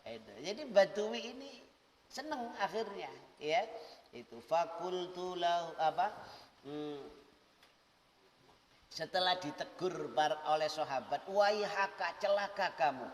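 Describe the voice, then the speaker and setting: Middle-aged east javanese guy preaching, slightly high voice, echoey hall, mic kinda far, faint room hum. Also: animated, slow pace, pauses often. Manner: explains Arabic lines word by word, mixing in Javanese. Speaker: religious teacher. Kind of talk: sermon.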